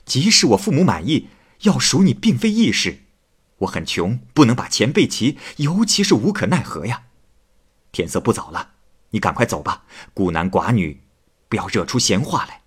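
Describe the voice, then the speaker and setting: A man's voice: medium pitch, very animated, moderate pace, husky. A man voicing a principled young scholar who lectures earnestly in a storybook retelling. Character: upright young male scholar, stern and principled.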